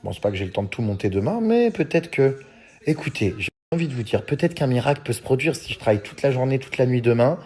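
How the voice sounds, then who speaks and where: Quick-paced and animated, his medium-pitched voice is dark and a little rough. The thirtysomething vlogger reads fan messages to his followers and answers them in a loose, story-driven chat, often laughing and leaning heavily on fillers like hein and euh.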